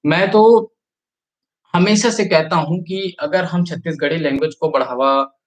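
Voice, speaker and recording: A man from Chhattisgarh chats on a live stream in a voice sitting slightly high for a man. He talks easily and at length, reads out viewer comments one after another, and keeps asking people to like the video. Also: unhurried, poor audio. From Chhattisgarh, India. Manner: chatty, reads out viewer comments and urges likes. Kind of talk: casual live-stream chat.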